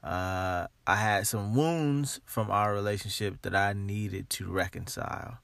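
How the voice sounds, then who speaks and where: A man's voice: lowish voice, measured pace, gravelly, a bit bright, no echo. A man hosting a motivational podcast, talking informally and emphatically, repeating key phrases and stretching words to drive them home.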